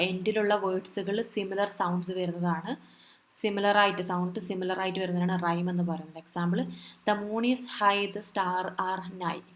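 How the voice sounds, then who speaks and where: A woman tutor reading notes slowly, then explaining them in Malayalam with many fillers and restarts. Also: on the low side. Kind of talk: exam-prep lecture.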